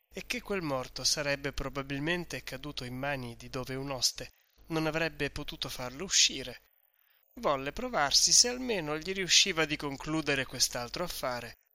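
A man narrating a classic novel in a slow, deliberate storytelling manner. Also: fairly high pitch, pushed and bright. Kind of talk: audiobook reading of a classic novel.

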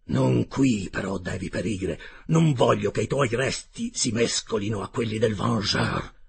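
A man voicing a vengeful, proud male submarine captain who roars slow, commanding orders in a gravelly voice. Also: lowish voice, heavily acted. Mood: scornful.

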